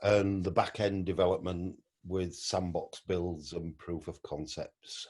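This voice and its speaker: A man introduces himself briefly on a webinar. His voice is deep and low. He speaks in a matter-of-fact way. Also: fairly even intonation, a little slow, a little mellow, slightly rough. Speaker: consultant.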